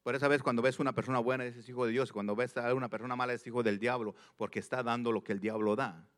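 A man preaching a sermon, reading scripture slowly and with emphasis, repeating phrases and putting questions straight to his listeners. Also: mid-range voice, steady tone, fairly bright tone. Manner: addresses listeners directly with questions.

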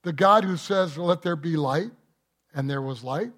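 Male pastor, slightly high voice, unhurried delivery, emphatic sermon with rhetorical questions. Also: fairly bright tone. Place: church.

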